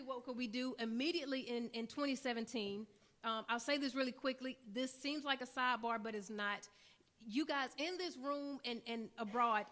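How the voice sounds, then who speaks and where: A woman with a fairly high voice speaks on a conference panel, earnest and persuasive. She builds her points up into rousing, repeated lines, and her talk is addressed to a room full of listeners. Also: fairly bright tone.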